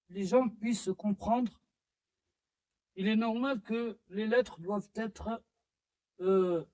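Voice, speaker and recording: A man teaching a basic French lesson, explaining step by step with frequent pauses, restarts and fillers. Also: high voice, a little mellow, poor audio. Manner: slow, halting delivery with pauses and fillers. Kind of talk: slow classroom-style lesson.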